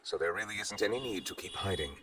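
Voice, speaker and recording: An actor playing a composed, authoritative investigator in a video game, formal and commanding, with music behind. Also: male voice, deep voice, very fast, fairly bright tone. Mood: stern. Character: composed, authoritative male investigator, stern and measured.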